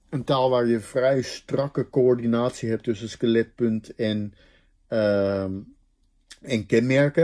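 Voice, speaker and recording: A man's voice: medium pitch, dark tone. A man giving a recorded linguistics lecture, explaining step by step and thinking aloud with many fillers and restarts.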